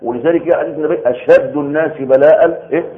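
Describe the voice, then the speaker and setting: Animated preacher on a tinny recording. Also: male voice, a little high, fast. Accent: Egyptian Arabic. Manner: animated, asks the audience rhetorical questions and answers himself. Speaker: preacher giving Quran commentary. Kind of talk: colloquial religious lecture.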